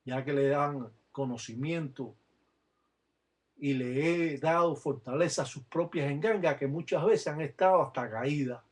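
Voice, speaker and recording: Man, spiritual teacher on a webcam, instructive and direct, scornful at times, voice a bit high. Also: unhurried. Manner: instructive, addressing viewers directly, sometimes scornful of other teachers. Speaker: Palo religious teacher. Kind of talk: religious teaching to camera.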